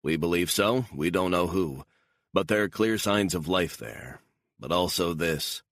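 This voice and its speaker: A man voicing a gruff intelligence officer who speaks bluntly and matter-of-factly. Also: deep voice, lively intonation, measured pace, a bit bright, no echo, studio quality, heavily acted.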